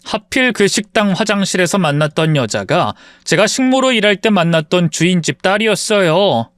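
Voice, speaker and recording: Low, subdued woman telling her story. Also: no room sound, clean studio sound. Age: middle-aged. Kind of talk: first-person story narration.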